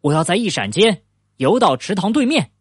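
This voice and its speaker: A man's voice: high voice, sing-song, normal speed, husky, no echo, studio quality, voice pushed up, heavily acted. A man voicing an eager young boy turtle in a storybook reading, earnest and insistent. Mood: determined.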